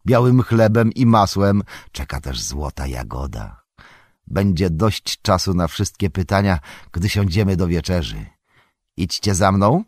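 A man voicing Tom Bombadil, booming and merry. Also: dry recording, clean studio sound. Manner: booming, singsong, merry and bossy. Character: jolly, boisterous, bearded old forest spirit-man. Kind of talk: audiobook character voice.

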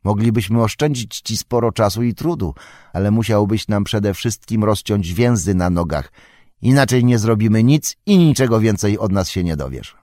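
A man voicing a quick-witted young male hobbit who bargains eagerly in an audiobook. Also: fairly low pitch, animated, dark tone, no room sound, clean studio sound, natural voice. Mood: scheming.

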